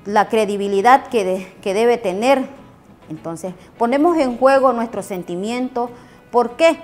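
Woman, teacher, explanatory lesson, soft music behind. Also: on the high side, expressive, measured pace. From Bolivia. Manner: explanatory, with frequent "¿no?" tags and "eh" fillers. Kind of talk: recorded lesson.

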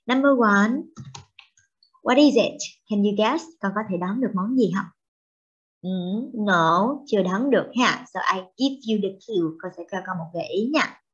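A young woman with a Vietnamese accent, a native Vietnamese speaker, teaching children English vocabulary in a slow, drawn-out, cheerful way. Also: medium pitch, lively intonation, slightly rough. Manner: switches between English and Vietnamese. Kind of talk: bilingual children's vocabulary lesson. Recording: dull lo-fi recording.

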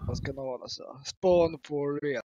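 Excitable high-voiced man, swearing freely. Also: dry recording, muffled recording. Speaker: live stream co-host. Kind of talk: casual gaming banter.

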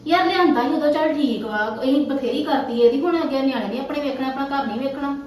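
A woman's voice: on the high side, quick pace, distant mic, close to an everyday voice. A woman playing a scolding, irritable wife. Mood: annoyed. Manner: scolding, sharp-tongued, grumbling. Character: irritable, complaining wife worried about money. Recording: echoey room, voice off-mic, faint noise.

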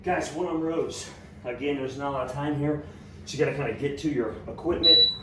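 A male fitness trainer leads a home workout. He is congested and breathes heavily between short, clipped cues, with a slightly high voice. He sounds set back from the mic in an echoey room with steady background noise. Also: a little fast. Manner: short coaching cues, clears throat often. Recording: roomy, distant, noisy home recording.

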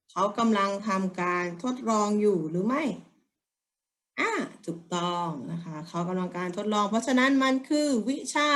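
A woman with a Thai accent teaching children English, speaking gently and encouragingly and drilling words slowly with repeat-after-me. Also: medium pitch.

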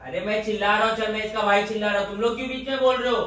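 A man's voice: high-pitched, steady tone, rapid-fire, pushed and bright, slight background noise. A man arguing defensively and irritably, with others in a home during a staged prank. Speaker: vlog regular. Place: indoor home room. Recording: very echoey room, far from mic.

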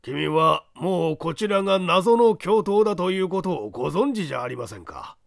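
A man doing a hoarse old phantom thief. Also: high voice, lively intonation, no room sound, studio quality. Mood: taunting. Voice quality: hoarse, gravelly. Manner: mockingly polite, unhurried. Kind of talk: audiobook character voice.

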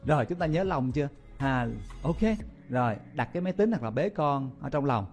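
A man's voice: medium pitch, animated, brisk, faint music behind. A man teaching vocabulary in a playful, exclaiming way, often repeating each word. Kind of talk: memory-palace vocabulary lesson.

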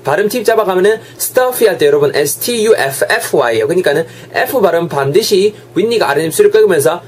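A young man teaching English phrases in an online lesson, energetic and drilling each phrase by repetition. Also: high voice, moderate pace, slight background noise.

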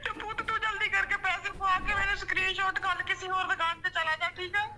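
A woman's voice: very high-pitched, little pitch movement, fast talker, bright, forceful tone, a little hiss or hum, low-quality recording. A woman phoning as a scam caller who claims to be an aunt, pleading and insistent, sometimes crying.

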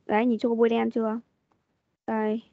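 A woman's voice: on the high side, completely flat delivery, a little fast, no room sound. A woman teaching an online English class, patiently prompting and repeating her questions over a video call. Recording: dull lo-fi meeting audio.

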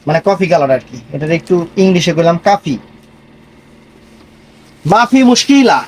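A man giving a live online sales pitch in an emphatic, repetitive patter. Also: fast, a little mellow, poor audio. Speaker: online saree seller.

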